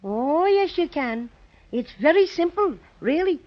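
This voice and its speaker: A tiny, chipper Irish teddy bear with a high voice and a playful, boastful brogue. The old radio recording is dull and lo-fi, and the delivery is pure children's storybook. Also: expressive, measured pace. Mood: eager, encouraging. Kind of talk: 1930s children's radio serial acting.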